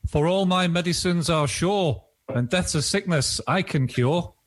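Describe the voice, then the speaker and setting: A man's voice: fairly high pitch, measured pace. A man playing a boastful quack doctor, declaiming showy patter in a comic folk play. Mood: boastful, cheerful.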